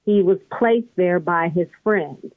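A woman's voice: lowish voice, unhurried, dry recording. Impassioned woman co-host over a tinny line. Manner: impassioned, conversational. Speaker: podcast co-host. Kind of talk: podcast commentary.

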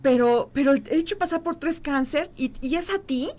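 A woman, a guest in an emotional interview, speaking heartfelt and pausing often. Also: high-pitched, a little mellow.

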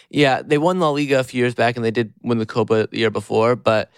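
A young man co-hosting a podcast, talking quickly and knowledgeably about football in a casual chat. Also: mid-range voice, smooth, no echo, clean studio sound. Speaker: podcast co-host.

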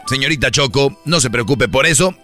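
A man doing a schoolboy who sounds like a grown man, hoarse and bright-toned, with a deadpan delivery. Soft music plays underneath. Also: brisk. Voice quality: hoarse, deep for a child.

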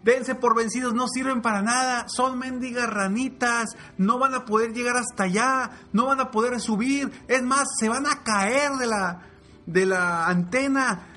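A man voicing a scornful crowd of forest animals shouting taunts. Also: a little slow, full character voice. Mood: jeering, mocking. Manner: shouting taunts, high mocking voice.

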